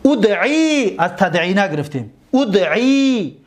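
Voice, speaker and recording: A man's voice: sits high, animated. Man drilling verb forms in a lesson. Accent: Tajik-accented Persian. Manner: drills verb forms slowly, stretching each word; checks in with listeners often. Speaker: Arabic morphology teacher. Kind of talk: classroom grammar lesson.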